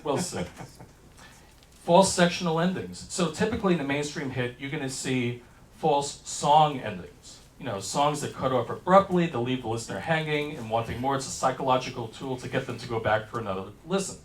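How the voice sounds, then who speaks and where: A man's voice: mid-range voice, expressive, brisk, echoey room, far from the mic, rough recording. A man giving an enthusiastic classroom lecture that breaks down how a hit song is built. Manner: explanatory, enthusiastic, talks over music examples. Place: lecture hall. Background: song excerpts playing faintly.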